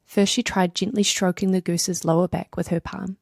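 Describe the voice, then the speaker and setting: A woman with a New Zealand accent hosting a soft-spoken ASMR video, reading scripts aloud in a slow, hushed, half-whispered voice close to the microphone. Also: fairly low pitch, level tone, no room sound. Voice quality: breathy and husky. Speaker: ASMR host.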